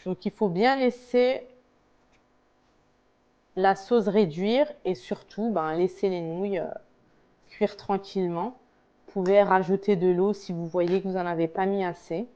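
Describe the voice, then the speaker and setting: A woman's voice: mid-range voice, steady tone, unhurried, long pauses, mellow, dull audio. A woman casually talking through a recipe step by step as a home cook, in a hesitant, explanatory way. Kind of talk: casual cooking tutorial, talking through steps.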